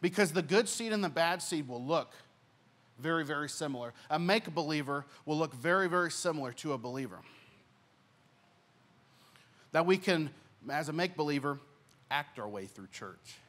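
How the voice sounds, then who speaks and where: A young man preaching a sermon on a church stage, speaking earnestly into a handheld mic, rising in volume on key points and dropping soft at the ends of phrases. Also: a little high, lively intonation, brisk. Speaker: pastor.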